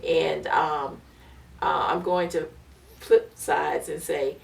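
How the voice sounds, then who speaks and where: A woman's voice: deep voice, fairly even intonation, slow pace, vocal fry. A woman hosting a library interview, affirming and encouraging her guest. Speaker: interview host. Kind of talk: conversational interview. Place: library room. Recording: echoey room, distant mic.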